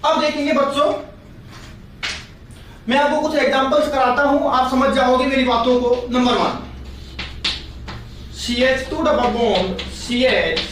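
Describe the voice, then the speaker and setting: Man teaching chemistry, high voice, very echoey classroom, distant mic, faint hiss. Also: fairly even intonation, unhurried, pauses often. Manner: patient, repeats points, asks students questions. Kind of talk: classroom lecture.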